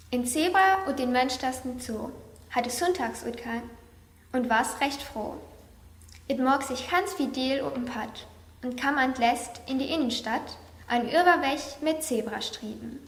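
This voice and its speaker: A woman recites a rhyming poem slowly and carefully. Her voice sits a little high. The sound is roomy, with a clear echo. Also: animated. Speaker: reader.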